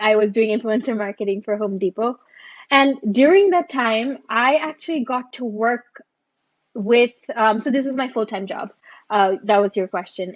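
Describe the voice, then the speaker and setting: A woman's voice: medium pitch, no echo. Brief: young woman, reflective guest, dull close sound. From Bangladesh. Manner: thoughtful, frequent restarts and fillers. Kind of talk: casual interview conversation.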